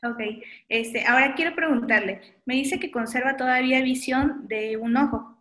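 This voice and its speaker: A woman giving a webinar on low vision, talking in a friendly, informal way with many "este" fillers. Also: normal speed, fairly bright tone. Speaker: optometrist giving a webinar talk. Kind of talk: webinar lecture with audience questions.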